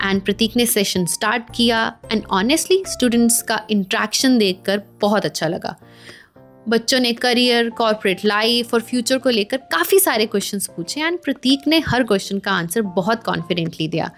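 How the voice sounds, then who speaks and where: An Indian woman narrates a family vlog in a proud, storytelling tone, switching between Hindi and English. Her voice sits fairly high. Soft music plays underneath. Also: moderate pace. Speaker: vlogger.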